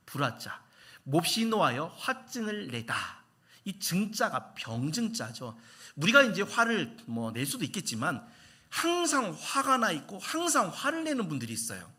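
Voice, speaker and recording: A man's voice: on the high side, bright, forceful tone, slightly rough. A man preaching a Sunday sermon as senior pastor, telling stories and asking the congregation questions.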